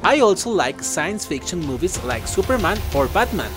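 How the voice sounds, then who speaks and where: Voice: medium pitch, big pitch swings, a little slow, over music. A performer playing a friendly, chatty companion in an upbeat, exaggerated language-lesson dialogue for children. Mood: friendly, encouraging. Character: friendly, chatty English-speaking companion named Chris.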